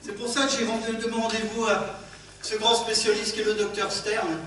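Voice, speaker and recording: An actor on stage playing a courteous, apologetic man with Tourette's who suddenly shouts obscenities. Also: sits high, little pitch movement, brisk, recorded from a distance. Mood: apologetic, polite. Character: polite middle-aged man with Tourette's blurting insults. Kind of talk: amateur stage play. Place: theatre stage. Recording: echoey hall miked from afar, background noise.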